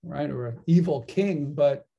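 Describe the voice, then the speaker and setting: A man's voice: fairly high pitch, unhurried, gravelly, dark tone, breathy edge, lo-fi sound. A man giving a casual philosophy lecture, explaining ideas in a conversational way and often checking in with "right?". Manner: conversational, frequent tag "right?". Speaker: philosophy teacher.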